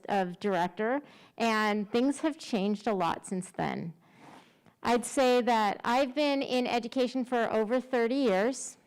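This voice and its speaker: A woman's voice: on the high side, clear, resonant tone, rough recording. A middle-aged woman giving a conversational conference presentation, informal and self-deprecating, speaking through a face mask that slightly muffles her words. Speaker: special education director presenting.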